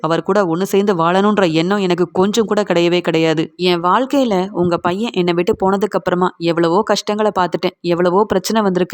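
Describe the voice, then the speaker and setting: A woman's voice: mid-range voice, natural voice. A woman voicing a defiant middle-aged daughter-in-law who firmly scolds her mother-in-law while retelling a TV serial scene. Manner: firm, reproachful, lecturing.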